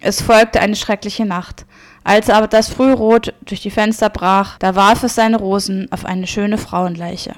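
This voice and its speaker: A woman reads a novel aloud in audiobook narration. Her delivery is measured and steady, at an ordinary middling pitch.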